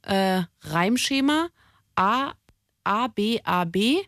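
A woman hosts a relaxed radio conversation, joking and teasing as she goes. She rambles a little, with plenty of fillers and restarts. The sound is dry and close. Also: mid-range voice, takes it slowly, no echo. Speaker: radio host. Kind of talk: casual radio chat.

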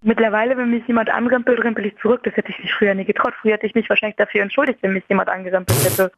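A woman caller from the Rhineland, chatting on a radio call-in show and telling stories in a lively, animated way. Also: medium pitch, racing, background noise. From Rhineland, Germany. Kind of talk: casual storytelling on a call-in show. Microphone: telephone. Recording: muffled phone line.

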